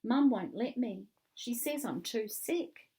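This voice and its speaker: A woman voicing a young girl sick in bed in a children's read-along, gentle and wistful. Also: fairly high pitch, lively intonation, takes it slowly, pitched above the performer's own voice. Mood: glum.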